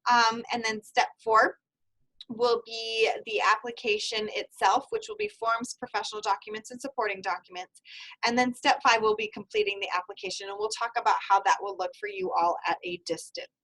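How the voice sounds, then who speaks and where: Brisk, friendly woman leading an online seminar. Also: a little high, animated, creaky, sharp tone, low-quality recording. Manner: brisk, friendly, step-by-step instructional talk. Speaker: university field experience coordinator. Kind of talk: online seminar presentation with screen sharing.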